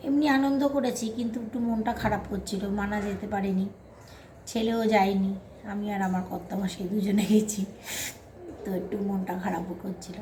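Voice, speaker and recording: A middle-aged woman, hoarse from a cold, chatting homely to her viewers as friends in a casual kitchen vlog. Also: medium pitch, steady tone, moderate pace, mellow, roomy sound, slight background noise. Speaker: vlogger. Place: home kitchen.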